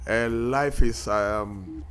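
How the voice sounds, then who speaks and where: A man hosting a reggae radio show, asking interview questions haltingly and repeating words. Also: fairly low pitch, a bit bright, a little hiss or hum. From Ghana.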